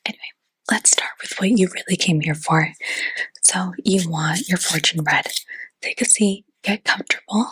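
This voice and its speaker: A woman's voice: fairly low pitch, normal speed, fairly bright tone, husky, no echo, rough recording. A woman whispering in a chatty ASMR roleplay as a fortune teller, with lots of casual fillers.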